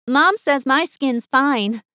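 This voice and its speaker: A woman voicing a young girl who defends herself quickly. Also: high voice, sharp tone, no echo, clean studio sound, pitched above the performer's own voice, exaggerated voice. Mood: defensive.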